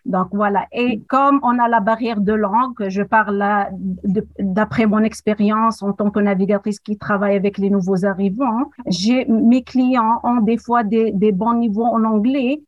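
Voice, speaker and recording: A woman's voice: a little high, darkish tone, dry recording, poor audio. Woman, French first language, panel talk, earnest, hesitant, dry. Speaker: newcomer settlement navigator. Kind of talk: panel discussion.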